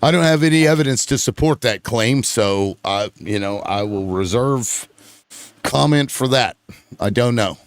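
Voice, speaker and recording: Halting man reading news aloud, dry sound. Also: medium pitch, dry recording. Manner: halting, looks things up and reads aloud. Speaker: host of a panel show. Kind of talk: casual political chat. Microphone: online audio call.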